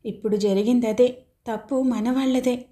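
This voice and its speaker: A woman's voice: fairly high pitch, steady tone, moderate pace, dark tone, lightly acted. A woman voicing a stern, weary elderly mother-in-law in an audiobook, answering bluntly.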